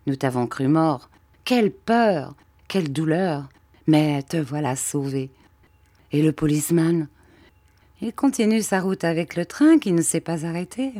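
A woman's voice: low voice, measured pace, mellow, no echo. A woman reading the part of an eager, emotional young boy in an audiobook. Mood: relieved. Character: boy Mathia, loyal and excited friend.

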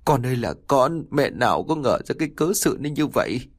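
A man's voice: mid-range voice, sing-song, a little fast, no echo, studio quality. A man voicing a frantic grieving mother. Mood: pleading. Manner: pleading, tearful.

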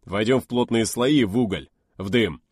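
A man voicing a bitter, resigned American shuttle pilot in an audiobook, talking loud and strained. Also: lowish voice, normal speed, slightly rough, no echo, clean studio sound.

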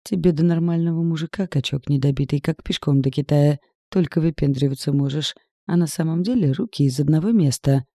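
A hot-tempered young village woman snaps and mocks with a raised, higher voice, as a man reading the audiobook puts her on. A gravelly, dark grain stays under her scolding. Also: brisk, hardly any pauses, dry recording, studio quality. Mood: angry scolding. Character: fiery, sharp-tongued young village woman.

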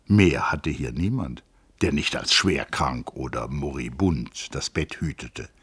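Low, husky man reading a novel. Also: no room sound. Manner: measured, expressive storytelling. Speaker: audiobook reader. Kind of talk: literary audiobook narration.

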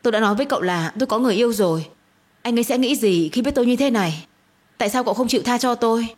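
A heartbroken young woman, played by a woman reading the story, sobbing and pleading in a high, rushed, tearful voice. Her husky, breathy tone cracks with despair. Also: expressive.

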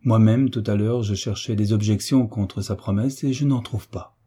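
A man reading the part of a gentle young woman who speaks softly and with mild reproach in a storybook reading. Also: fairly low pitch, fairly even intonation, normal speed, slightly rough. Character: young poor embroiderer-duchess, gentle and reproachful.

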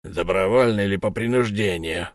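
A man's voice: fairly low pitch, normal speed, no room sound, clean studio sound, close to an everyday voice. A man voicing a cruel, impatient humanoid alien who snaps out threats, in an audiobook. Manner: eager, snapping threats. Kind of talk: audiobook character voice.

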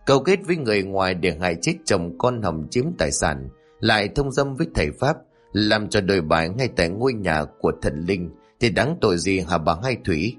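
A man's voice: low voice, lively intonation, brisk, faint music behind. A man voicing a cold, accusing masked woman who confronts the wrongdoers in a horror story.

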